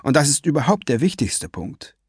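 A man's voice: medium pitch, very animated, normal speed, husky, no echo, studio quality. A man reading aloud and voicing a confident, defiant young heroine.

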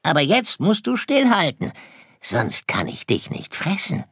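Man doing a sneaky hungry fox, kinda high, drawls sweet talk, breathy. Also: wildly swooping pitch, fairly bright tone, no room sound, clean studio sound, full character voice. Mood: mock-polite. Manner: sly, drawn-out, coaxing. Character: sly hungry fox, smooth-talking.

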